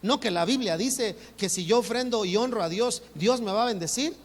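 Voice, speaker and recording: A man preaching a sermon as pastor, animated, acting out his congregants' voices. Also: normal speed. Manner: animated, acts out congregants' voices with rising pitch. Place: church sanctuary. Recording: reverberant church hall, faint ambience.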